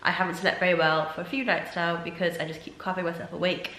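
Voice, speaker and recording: A young woman vlogging to camera while ill, with a nasal, stuffed-up voice and a sore throat, talking earnestly at low energy. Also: little pitch movement, fast talker, sharp tone. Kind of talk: casual vlog talk to camera. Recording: echoey room.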